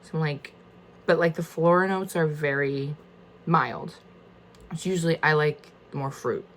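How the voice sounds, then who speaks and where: A woman with a low-pitched voice hosts a casual, chatty tasting. She speaks informally and tentatively, working out her thoughts as she goes. Faint noise sits behind her voice. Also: fairly even intonation, unhurried. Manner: informal, tentative, thinking aloud with frequent 'like'. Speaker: wine tasting host.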